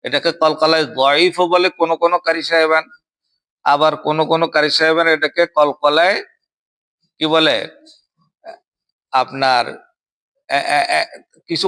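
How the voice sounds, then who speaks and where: A young man teaching Quran recitation, chanting verses slowly and then explaining pronunciation with quick questions to a student. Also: a little high, pushed and bright, clear, resonant tone. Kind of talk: Quran recitation drill lesson.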